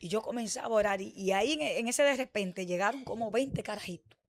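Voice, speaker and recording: A woman pastor with a Dominican accent gives her testimony in an interview, talking fast in a mid-range voice over slight background noise. She tells her story in an animated way, acting out the dialogue she quotes.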